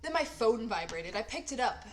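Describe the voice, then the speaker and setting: Brief: young woman streamer, fairly high voice, dry self-mocking asides, faint music behind. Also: big pitch swings, normal speed. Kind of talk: reading her old fanfic aloud with commentary.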